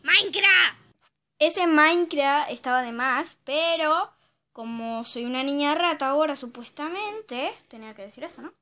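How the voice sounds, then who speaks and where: A female channel host, chatting casually and reacting in a lively, giggly way as she reads out viewer dares, recorded on a phone. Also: sits high, normal speed.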